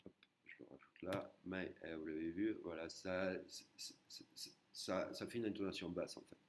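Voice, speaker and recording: A man's voice: low voice, steady tone, moderate pace, slight background noise. A man teaching an online language lesson, patiently repeating and breaking words into syllables.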